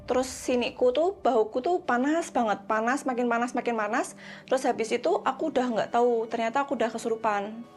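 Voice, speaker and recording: A young woman tells her story casually, pausing and repeating words as she recalls. Her voice sits fairly high. Faint music runs behind her. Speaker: interviewee recounting a camp possession. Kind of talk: casual testimony.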